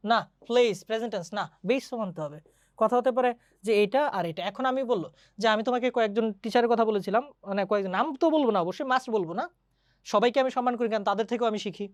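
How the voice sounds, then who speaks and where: A woman teaching an English grammar lesson, chatty and quick, often asking her students questions. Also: on the high side, no echo, clean studio sound. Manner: mixes English grammar terms into Bengali. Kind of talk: online exam-prep lesson.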